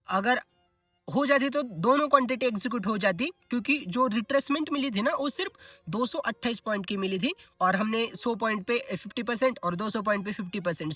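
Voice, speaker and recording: A man's voice: high voice, bright, forceful tone. A man vlogging about his trading in a casual, chatty way, mixing in English words and asking himself rhetorical questions. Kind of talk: casual vlog talk to camera. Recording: voice a bit distant from the mic, faint music.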